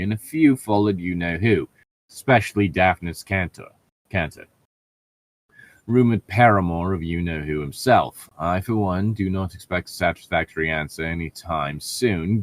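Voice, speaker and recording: A man with a deep voice co-reads fan fiction on a riffing show, poking fun at it casually while cursing, stumbling over words and throwing in sarcastic remarks. There is no echo on the recording.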